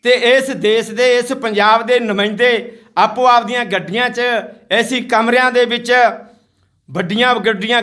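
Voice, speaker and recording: A man's voice: very high-pitched, sharp tone. A man from Haryana, a social activist, giving an impassioned, scolding speech to villagers outdoors. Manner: indignant, scolding, repetitive.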